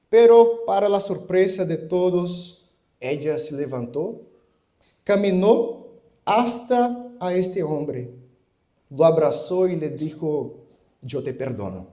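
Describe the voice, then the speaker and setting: A man with a Chilean Spanish accent, a pastor preaching a sermon, reading scripture in a deliberate, measured way before telling a story. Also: high-pitched, dark tone.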